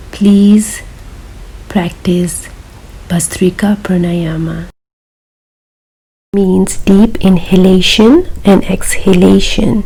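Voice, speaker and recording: Slow, husky, creaky-voiced woman yoga teacher. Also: lowish voice, warm tone, low-quality recording. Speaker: yoga breathing instructor. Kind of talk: instructional yoga lesson.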